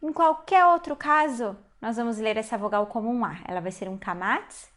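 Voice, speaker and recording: A woman teaching a Hebrew reading lesson, explaining patiently step by step and slowing down to spell out syllables. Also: on the high side, fairly bright tone. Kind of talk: online language lesson.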